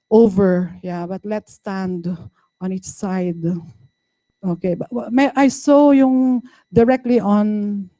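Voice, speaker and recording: A woman's voice: mid-range voice, dark tone, no room sound. A woman with a Filipino accent giving a university lecture, patiently explaining and checking in with "no?" and "okay?". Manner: code-switching, explaining patiently with frequent "no?" and "okay?". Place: lecture room.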